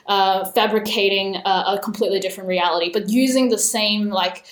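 A woman's voice: mid-range voice, fairly even intonation, fairly quick, echoey room. A young woman raised in Australia and Hong Kong, talking thoughtfully as an interview guest, with many fillers. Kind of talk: casual interview conversation.

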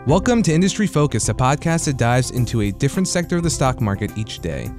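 With music playing underneath, a male investing podcast host speaks at a quick pace and sounds very animated, his pitch medium. He's casual and chatty, frequently dropping in "you know" and "uh."

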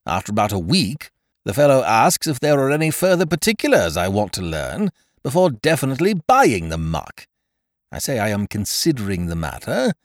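A man's voice: medium pitch, no room sound, studio quality, pitched above the performer's own voice. A man voicing an aggrieved, blustering young male scrounger who talks querulously and with heavy emphasis. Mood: explaining.

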